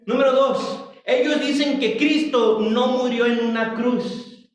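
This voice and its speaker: A high-voiced man preaches a Bible study in a measured, halting way, stopping to correct himself and speak to the congregation. He is heard from some distance in a very roomy church hall. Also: steady tone. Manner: slow, halting, with frequent restarts and asides to the congregation. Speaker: pastor.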